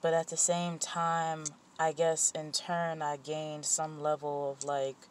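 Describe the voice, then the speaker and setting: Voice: medium pitch, completely flat delivery, slow pace, a little hiss or hum. Candid, rambling vlogger venting. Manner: candid and rambling, with frequent fillers and self-corrections; blunt and profane when heated. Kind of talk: personal vent session, casual monologue.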